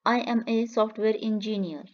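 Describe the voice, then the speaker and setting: A woman's voice: on the high side, a little mellow, lo-fi sound. Woman reading practice phrases twice. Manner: says each line twice, clear and measured. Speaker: English teacher. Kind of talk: slow repeated phrase reading for learners.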